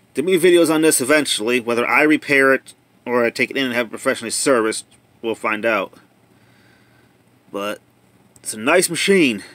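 A hobbyist shows off a repair on a handheld phone or camera, offering casual, plainspoken commentary as he thinks aloud haltingly. His voice is medium-pitched and fairly bright, with no echo.

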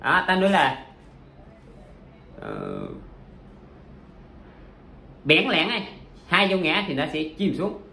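Chatty poetry teacher. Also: male voice, high-pitched, wildly swooping pitch, takes it slowly, creaky, pauses often, sharp tone, roomy sound. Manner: chatty, explains with many examples and fillers. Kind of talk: casual spoken lesson.

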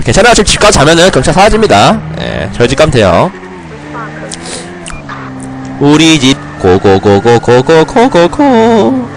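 A young man with a mid-range voice comments casually on the game he's playing, cracking jokes for viewers, talking to himself, and ranting at characters in mock anger. Slight background noise can be heard.

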